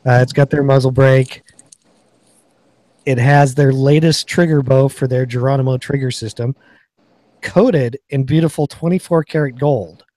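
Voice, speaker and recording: Male podcast host, mellow dry voice, chatty, runs through product specs. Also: medium pitch, steady tone, normal speed, dry recording. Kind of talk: casual gun review chat.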